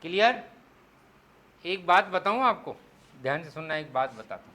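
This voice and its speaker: A man teaching Hindi spelling in an exam-prep lecture, explaining step by step and slowing down to spell out syllables. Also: fairly high pitch, expressive, pushed and bright. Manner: explains step by step, asks the class "clear?".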